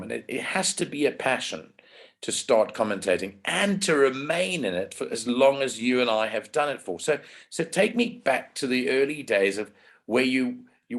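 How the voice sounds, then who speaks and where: A man's voice: mid-range voice, creaky. A man from South Africa hosting a horse racing podcast, chatty and loose as he leads an interview. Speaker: podcast host. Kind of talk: interview conversation.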